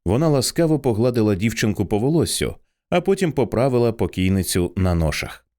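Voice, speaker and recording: A man narrating an audiobook with an expressive, dramatic reading. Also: on the low side, brisk.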